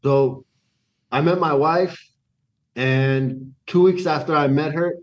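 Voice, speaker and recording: A guest from Iran tells his life story in a casual interview, speaking animatedly, restarting sentences and acting out the dialogue he quotes. His voice is fairly high-pitched and slow, and the recording sounds muffled.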